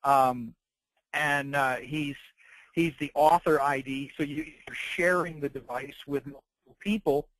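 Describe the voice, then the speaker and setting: A man presenting an informal product tutorial, explaining things in a halting, piecemeal way. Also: fairly high pitch, steady tone, fairly bright tone, no echo, low-quality recording. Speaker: presenter demonstrating dictation devices and software. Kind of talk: informal product tutorial narrated over slides.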